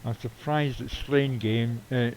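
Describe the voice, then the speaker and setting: Man, mellow low-key voice, casual rambling stream chat, middle-aged, casual swearing. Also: fairly even intonation, slow pace, poor audio. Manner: rambling, swears casually, chuckles at own jokes. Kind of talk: casual live-stream chat while gaming.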